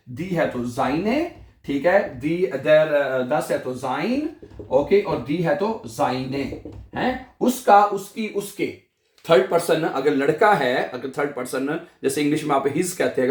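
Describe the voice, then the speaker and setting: A man with a Pakistani Urdu accent teaching German grammar in a lesson, repeating each form and asking the listener to say it back. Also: on the high side. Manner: repeats forms and asks the listener to echo them.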